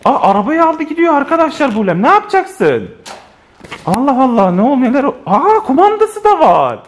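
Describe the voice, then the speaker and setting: Excitable male family vlogger, very high pitch, chatty and exclamatory. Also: a little fast. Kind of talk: casual home vlog addressing viewers. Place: home living room with a sofa. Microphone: handheld camera.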